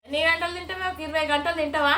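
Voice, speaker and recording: Quick, scolding village mother. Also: high-pitched, fairly even intonation, bright, forceful tone, echoey room. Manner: scolding, brisk. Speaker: mother in comedy sketch. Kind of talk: scolding sketch dialogue.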